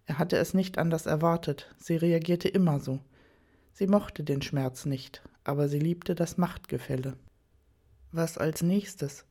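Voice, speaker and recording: A reader giving a calm, measured scripted narration of a story, unhurried and even. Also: medium pitch, breathy edge.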